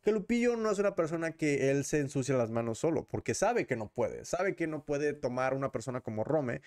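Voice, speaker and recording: A man's voice: fairly high pitch, sing-song, brisk, a little mellow, no room sound, clean studio sound. A man hosting his own show, giving opinionated, casual commentary on a reality show, with many fillers and tag questions.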